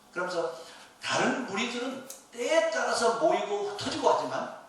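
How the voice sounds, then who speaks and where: A man's voice: sits high, a bit bright, slight background noise. A middle-aged male pastor preaching a sermon in a church, telling a story and asking the congregation rhetorical questions. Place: church sanctuary. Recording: echoey church from far off.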